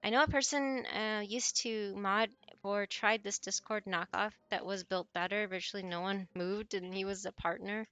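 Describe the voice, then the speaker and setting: A woman's voice: medium pitch, fairly even intonation, normal speed, few pauses, fairly bright tone, clean tone, soft background music. A woman in her forties, chatting casually with viewers on her stream, rambling and often correcting herself mid-sentence. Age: 40s.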